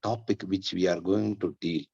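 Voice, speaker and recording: A man, giving an online Vedanta lesson in a measured explanatory way, with chanted Sanskrit prayers. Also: sits low, fairly even intonation, warm tone, slightly rough, muffled recording. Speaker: Vedanta teacher. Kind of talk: online class lecture.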